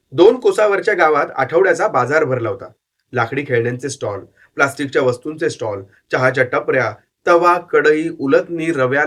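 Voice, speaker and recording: A man narrating a horror story as a storyteller, reading in a measured, descriptive way. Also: a little high, a bit bright.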